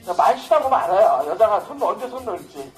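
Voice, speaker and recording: A man's voice: high voice, sing-song, fast, faint music behind, low-quality recording. A middle-aged man teaching social dance, talking casually and boastfully with jokes as he demonstrates. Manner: boastful, joking, casual banter. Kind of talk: dance lesson with live commentary.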